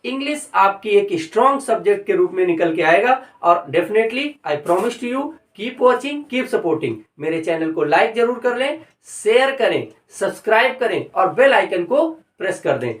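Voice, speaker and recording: A middle-aged man teaching an online grammar lesson, explaining step by step and slowly repeating each example. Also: sits high, big pitch swings. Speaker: English teacher. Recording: echoey room, far from the mic.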